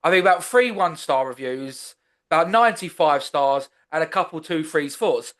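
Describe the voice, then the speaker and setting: A man hosting a comedy podcast in easy, rambling chat. His voice sits quite high for a man, and he talks in a loose, chatty way, often restarting his sentences. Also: expressive, moderate pace, a bit bright. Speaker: podcast host.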